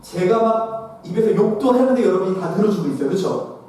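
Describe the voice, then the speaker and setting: A male pastor giving a humorous seminar lecture, lively, often questioning the audience and acting out little scenes. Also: high voice, fairly quick. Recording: echoey hall, distant mic.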